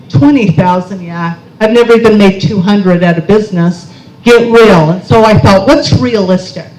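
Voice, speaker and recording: A woman's voice: mid-range voice, darkish tone. A middle-aged woman giving a personal storytelling talk at a conference, chatty and self-mocking, often checking in with "okay?". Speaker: conference speaker. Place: large conference hall. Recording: roomy hall echo.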